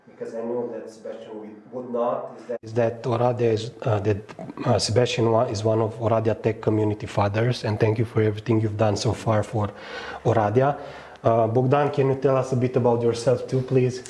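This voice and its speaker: A man with a Romanian accent hosting a live outdoor panel event, speaking haltingly with frequent fillers and restarts. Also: medium pitch, flat delivery, mellow. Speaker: event host. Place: outdoors at a fortress on a hot day.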